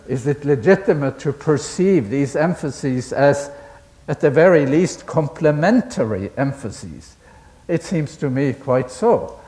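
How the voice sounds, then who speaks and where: Man giving a deliberate academic lecture. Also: on the high side, dark tone. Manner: deliberate, asks the audience questions, chuckles at own asides.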